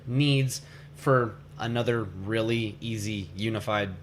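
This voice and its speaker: A man co-hosting a casual podcast recap, opinionated and animated in his retelling. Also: lowish voice, slow pace, a little hiss or hum. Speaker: podcast co-host.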